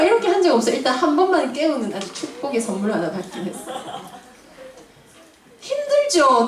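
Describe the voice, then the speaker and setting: A woman in her forties preaching to mothers, acting out family scenes in an animated way. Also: sits high. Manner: animated, acts out family scenes with audience laughter. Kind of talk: sermon. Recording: roomy hall from a distance.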